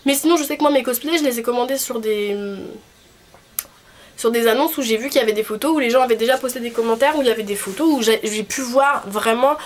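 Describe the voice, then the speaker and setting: A woman's voice: a little high, fast talker. Congested young woman with a honking, nasal voice. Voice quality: nasal, honking voice from a blocked nose. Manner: rambling, informal. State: congested with a cold. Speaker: cosplay vlogger. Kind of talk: casual video chat. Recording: clearly noisy background.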